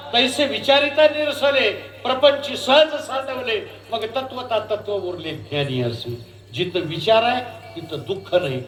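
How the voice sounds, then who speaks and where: A man delivers a devotional kirtan sermon, alternating between sung verses and spoken preaching while animatedly putting questions to the audience. His voice is high and the sound is reverberant.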